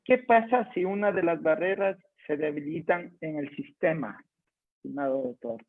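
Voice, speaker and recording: A man's voice: on the high side, normal speed. A man moderating a webinar, politely and formally reading out audience questions over a tinny video call line.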